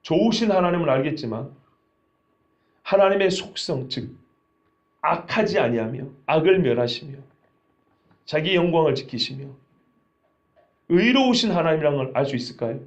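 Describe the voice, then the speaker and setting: A man's voice: a little high, lively intonation, normal speed, long pauses, muffled recording. A male pastor preaching a sermon in a conversational way, often asking the congregation questions.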